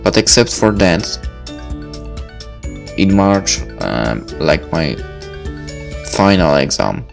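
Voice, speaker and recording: A man's voice: slow pace, vocal fry, pauses often, soft background music. A man chatting casually as he plays through a visual novel, rambling along as he goes. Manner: chatty and rambling, with lively pitch swings. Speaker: game streamer. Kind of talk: casual let's-play commentary.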